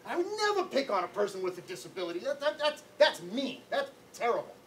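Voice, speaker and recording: A middle-aged man, an anti-bullying educator, telling a personal story to schoolchildren in an animated, conversational way. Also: high-pitched, fast talker. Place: classroom or school hall. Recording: distant mic, faint room noise.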